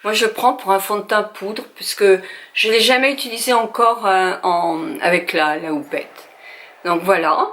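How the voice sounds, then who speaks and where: A woman's voice: medium pitch, steady tone, moderate pace, fairly bright tone. Older woman, casual beauty vlog, chatty, hesitant, talks to viewers, at home. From France. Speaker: beauty vlogger. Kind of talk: casual makeup tutorial.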